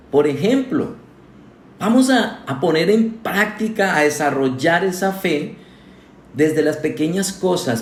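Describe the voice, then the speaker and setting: A man, a pastor, preaching a sermon to his congregation, earnest and asking them questions directly. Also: on the high side. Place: church hall. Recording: echoey church hall.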